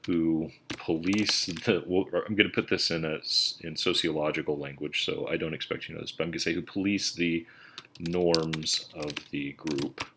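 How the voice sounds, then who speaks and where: A man's voice: low-pitched, background noise. A man teaching writing in a screencast lecture, thinking aloud as he types and correcting himself casually. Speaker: writing instructor. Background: keyboard typing and clicks.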